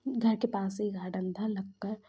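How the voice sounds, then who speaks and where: Soft-voiced woman retelling a story casually. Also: medium pitch, fairly even intonation, unhurried, breathy edge. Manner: chatty, many fillers, soft half-whispered delivery.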